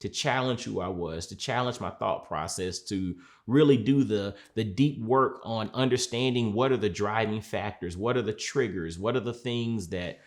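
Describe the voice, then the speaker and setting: Earnest low-voiced man coach. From Georgia, USA. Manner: earnest, measured, repeats phrases for emphasis. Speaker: mindset coach. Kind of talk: reflective sit-down talk.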